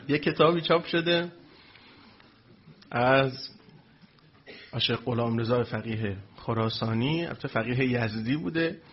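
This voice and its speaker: A man telling a religious anecdote to a live audience, animated and acting out the people in his story. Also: medium pitch, long pauses, highs cut off, slight background noise.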